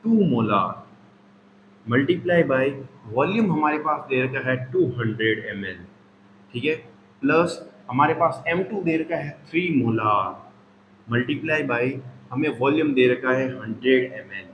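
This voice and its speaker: A man's voice: medium pitch, animated, measured pace, lo-fi sound. A man teaching a chemistry lesson, talking through each step aloud and repeating himself as he explains. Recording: echoey room with faint noise.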